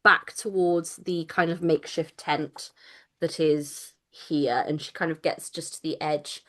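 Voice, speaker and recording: A woman game master narrates a tabletop adventure in a bright, crisp voice. She takes her time and keeps a playful, laughing tone, dipping into silly character voices. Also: low-pitched, steady tone, a little slow.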